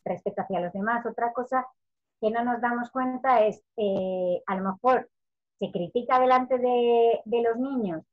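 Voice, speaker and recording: This is a Spanish woman in her thirties, a parenting educator, talking casually in an interview and acting out quoted lines as she tells her stories. Her voice is a little high, and the recording has a lo-fi sound.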